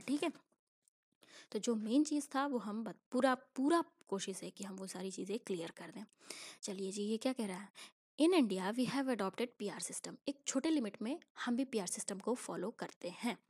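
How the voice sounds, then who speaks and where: A young woman giving an exam-prep civics lesson in a chatty, patient teaching voice. Her pitch sits in the middle range. She reads book passages slowly and often stops to ask whether her students follow. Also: darkish tone. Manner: explains in mixed Hindi and English, asking checking questions; reads English textbook lines slowly, then explains.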